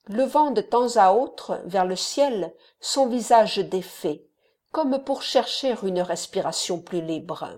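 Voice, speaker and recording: A woman narrating a classic novel as an audiobook in a measured, even storytelling manner. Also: medium pitch. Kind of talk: scripted narration.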